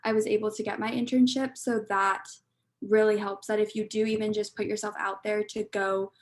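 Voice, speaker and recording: A young woman student on a panel, talking casually and chattily over a video call. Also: medium pitch. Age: young adult. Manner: chatty, many "like" fillers.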